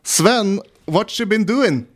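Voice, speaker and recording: A man's voice: high-pitched, animated, slow, voice pushed up, heavily acted. A man voicing Ole, a nosy old fisherman, in broken folksy English. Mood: curious.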